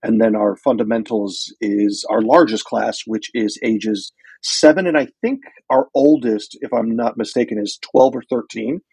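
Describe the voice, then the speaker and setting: Husky man explaining casually, dry sound. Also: on the low side, normal speed, darkish tone, dry recording, rough recording. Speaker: arts school director. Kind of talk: casual explanatory interview talk.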